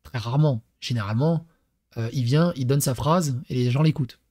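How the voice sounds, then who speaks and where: A man commenting comically on a parenting text he reads aloud, with animated, crude talk and mock acting mixed in. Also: mid-range voice, a little fast. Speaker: YouTube commentator.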